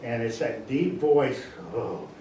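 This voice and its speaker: An older man gives a relaxed, chatty talk to a small group, animated and now and then acting out bird voices. His voice is at a middle pitch and is heard from a distance in an echoey room, with a faint hiss underneath. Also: slow pace. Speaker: guest speaker on birds. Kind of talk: casual public talk. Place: library meeting room.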